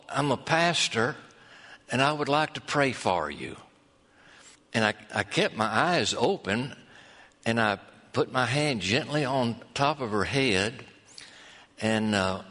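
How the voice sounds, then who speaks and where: A man who is a pastor, preaching a sermon and telling a story, with hushed low passages and rising high peaks. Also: long reverb tail.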